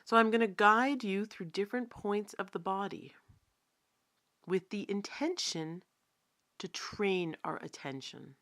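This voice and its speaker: A woman meditation teacher with a medium-pitched voice guides a body scan, calm and unhurried, instructing gently and leaving long pauses.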